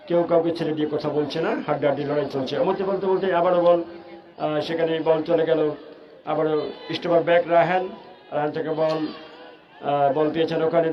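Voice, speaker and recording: A Bangladeshi man giving excited, urgent live football commentary, repeating stock phrases as he follows the play. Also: fairly high pitch, highs cut off. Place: outdoor football ground.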